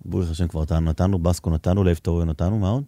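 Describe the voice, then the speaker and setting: A man hosting a casual radio interview in a studio, playful and quick to laugh. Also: sits low, no echo. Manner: lively, playful, laughs often. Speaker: radio host.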